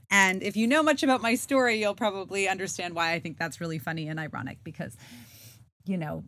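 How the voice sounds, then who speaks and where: A woman in her forties hosts a podcast from inside a small clothes closet, chatting casually and using plenty of fillers. Her mid-range voice is a bit bright, and the recording has no room sound.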